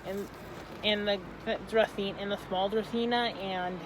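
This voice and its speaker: An eighteen-year-old from Michigan hosting a casual how-to vlog, often halting and correcting themselves mid-sentence. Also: mid-range voice, fairly even intonation, noisy background. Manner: halting, self-correcting, trailing off. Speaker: plant arrangement seller and video host.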